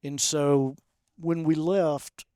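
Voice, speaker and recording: Soft-spoken man telling a personal story. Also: a little high, steady tone, clear, resonant tone, dry recording, studio quality. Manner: soft-spoken and halting, with many fillers. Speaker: podcast guest.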